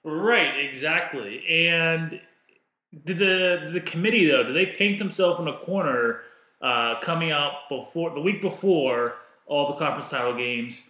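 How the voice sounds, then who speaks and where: A man's voice: on the high side, measured pace, highs cut off. A man co-hosting a casual sports podcast, talking loosely and asking questions, recorded in an echoey studio office. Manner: loose, conversational, asks questions. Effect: echoey room sound. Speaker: podcast co-host. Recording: echoey room.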